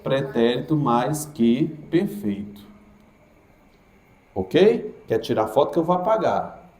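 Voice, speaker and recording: A man's voice: medium pitch, sing-song, takes it slowly, a little mellow. A man teaching a grammar class for exam prep in a classroom, asking his students questions and answering them himself. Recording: echoey classroom.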